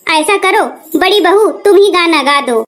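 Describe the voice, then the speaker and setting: A woman's voice: extremely high pitch, expressive, a little slow, a bit bright, exaggerated voice. A woman voicing a fussy middle-aged cartoon mother-in-law who frets and scolds. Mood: fretful. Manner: fretful, scolding. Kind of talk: cartoon voice acting.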